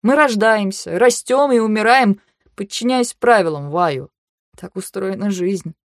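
A woman's voice: mid-range voice, unhurried, no echo, studio quality, lightly acted. Woman voicing a stern, rule-bound young man. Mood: patronizing.

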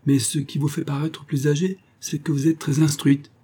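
A man reading an audiobook, voicing a cheerful young soldier of twenty-one who teases his cousin in a breezy, lively way. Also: on the high side, normal speed, breathy edge, voice pushed up. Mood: teasing.

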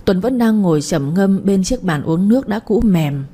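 A woman narrating a novel as an audiobook reader in a steady storytelling manner. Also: medium pitch, normal speed, husky.

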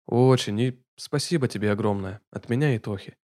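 A man voicing a relaxed young male inspector who answers teasing with dry, drawling humor. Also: medium pitch, brisk, close to an everyday voice. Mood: wry. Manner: drawling, wry.

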